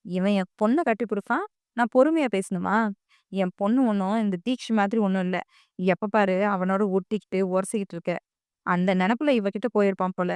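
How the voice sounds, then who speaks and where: A woman voicing a furious middle-aged mother who hurls sharp, shouting accusations at her family in an audio drama reading. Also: medium pitch, steady tone, fairly quick, clear, resonant tone, dry recording, studio quality, lightly acted.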